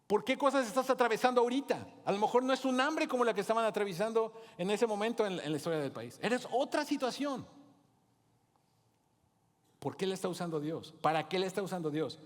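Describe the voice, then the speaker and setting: A man's voice: sits high, lively intonation, brisk. A man preaching a sermon as pastor, with rising emphasis and calls to the congregation. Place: church hall. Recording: long hall reverb.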